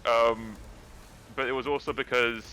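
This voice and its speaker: A guest actor with a naturally deep voice chats casually about acting, rambling and restarting his sentences. His tone is steady, bright, and forceful, his pace measured, and the audio is poor.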